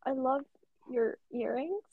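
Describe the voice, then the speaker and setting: A woman co-hosts a casual podcast chat in a playful, goofy way. Her voice is high with a creaky edge. The recording is dry and a little dull. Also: slow, no echo. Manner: playful, goofy non sequiturs.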